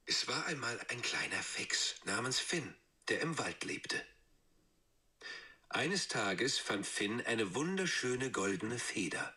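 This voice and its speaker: A synthetic male voice assistant speaking slowly and expressively, telling a story and reading lines in varied emotions. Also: mid-range voice. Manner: slow, expressive.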